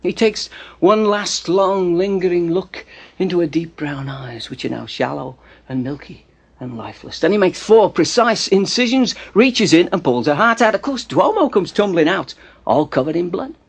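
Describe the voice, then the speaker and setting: A man telling a folk tale with a gravelly, husky voice and theatrical, animated delivery, dropping to hushed asides. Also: high-pitched, moderate pace. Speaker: storyteller. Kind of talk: storytelling narration.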